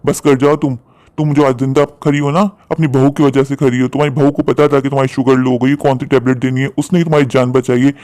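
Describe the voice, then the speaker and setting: A man's voice: mid-range voice, level tone, quick pace, a little mellow, natural voice. A man playing a reproving old father-in-law. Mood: admonishing. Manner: firm, admonishing. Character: older father-in-law, fair-minded and reproving.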